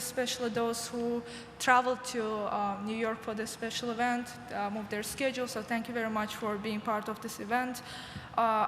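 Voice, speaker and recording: Halting woman speaking in an echoing hall. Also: fairly high pitch, fairly bright tone, slight background noise. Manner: halting, with many fillers and restarts. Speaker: conference host. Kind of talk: formal welcoming speech. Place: large conference hall. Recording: echoey hall with faint ambience.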